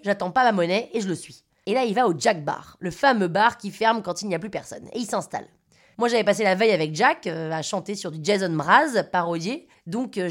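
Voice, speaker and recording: Wry Parisian woman telling her story. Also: mid-range voice. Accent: Parisian French. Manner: wry, self-mocking, conversational. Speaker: podcast storyteller. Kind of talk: scripted personal narration.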